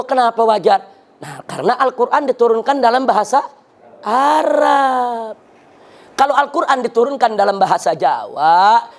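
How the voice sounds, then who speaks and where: A man preaching a sermon in an emphatic, rhetorical manner, often turning to address his listeners directly. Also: very high voice.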